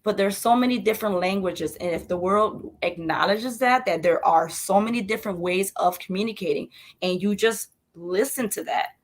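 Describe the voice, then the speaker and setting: Mom talking earnestly in an interview, emphatic, repeats words a lot. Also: female voice, mid-range voice, normal speed, few pauses. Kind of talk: interview conversation.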